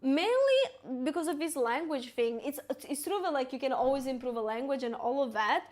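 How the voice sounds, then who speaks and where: Cooking on a live stream, a Ukrainian woman in her twenties with an Italian accent talks chattily to viewers, reads the chat aloud, and uses plenty of "like". Her voice sits high, animated and fairly quick, with a darkish tone.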